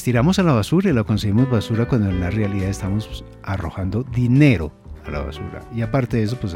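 A man's voice: mid-range voice, a little mellow. A man with a Colombian Spanish accent hosting a radio interview conversationally, discursive and often addressing the listener directly.

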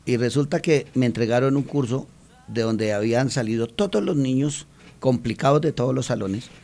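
A man's voice: mid-range voice, moderate pace, gravelly, warm tone. Colombian man telling classroom stories. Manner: earnest storytelling, acts out quotes. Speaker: teacher and author. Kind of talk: radio interview.

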